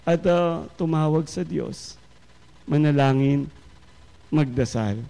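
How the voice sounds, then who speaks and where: A man with a Filipino accent giving a Sunday homily, speaking slowly and reflectively and often addressing his listeners. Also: on the high side, vocal fry, warm tone. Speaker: priest. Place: large church. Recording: long church reverb.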